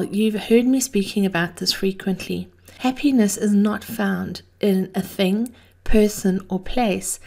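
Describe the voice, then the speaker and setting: A woman hosting an inspirational podcast, reading scripted reflections in a gentle, measured, reflective way. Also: medium pitch, vocal fry. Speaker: host of a daily encouragement podcast.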